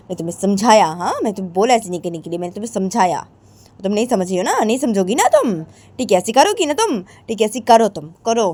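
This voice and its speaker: A woman's voice: a little high, a little mellow, voice pushed up. A woman voicing a middle-aged mother who lectures her daughter, drawing out her advice and pleading with repeated tags. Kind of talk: amateur storytelling with acted voices.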